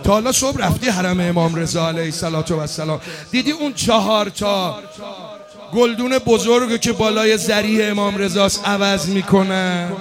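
A man delivering a mourning sermon at a religious gathering, moving between low chanting and loud shouting. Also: over music. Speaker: mourning eulogist.

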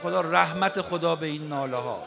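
A man preaching a mourning sermon to a crowd, impassioned, moving between shouting and hushed speech. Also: fairly high pitch, creaky. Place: mosque hall with a mourning crowd. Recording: crowd noise behind the voice.

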